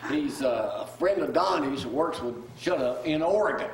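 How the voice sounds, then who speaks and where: Animated joking male host. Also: a little high, normal speed, gravelly, echoey room, far from the mic, a little hiss or hum. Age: 50s. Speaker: morning show host. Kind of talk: casual studio banter.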